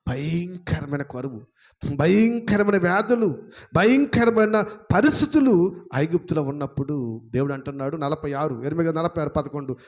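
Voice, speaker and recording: High-pitched, emphatic preaching man. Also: lively intonation, moderate pace. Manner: emphatic preaching, repeating phrases, rhetorical questions; swings between loud exclamations and low murmurs. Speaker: pastor. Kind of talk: sermon.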